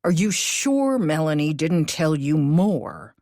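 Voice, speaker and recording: Woman reading as a calm, cautious cozy mystery businessman. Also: sits low, slow pace, no room sound, studio quality, heavily acted. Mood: concerned.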